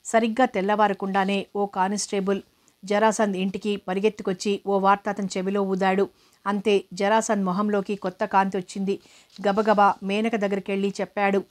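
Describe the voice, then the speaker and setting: A woman narrating a novel aloud in a steady storytelling manner. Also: medium pitch, normal speed.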